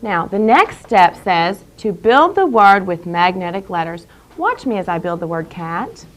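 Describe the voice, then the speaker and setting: A woman's voice: mid-range voice, big pitch swings, rough recording. Carefully enunciating woman teacher, some background noise. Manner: deliberate, carefully enunciated, instructive with repeated key phrases. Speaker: elementary school teacher. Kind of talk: classroom instruction to young children. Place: classroom with young children. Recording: clear background noise in a classroom.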